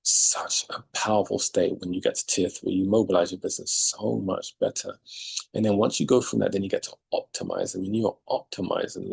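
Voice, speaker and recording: A man's voice: sits low, creaky, darkish tone, husky, poor audio. A man speaking as a leadership coach in an emphatic motivational monologue to camera, repeating key phrases for effect, recorded outdoors.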